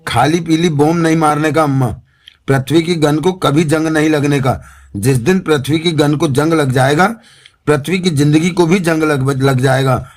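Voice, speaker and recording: A man voicing a gruff male gangster with two pistols who talks in blustering slang, in an audiobook. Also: on the high side, fairly even intonation, moderate pace, natural voice. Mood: boastful. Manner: Bombay street slang, blustering.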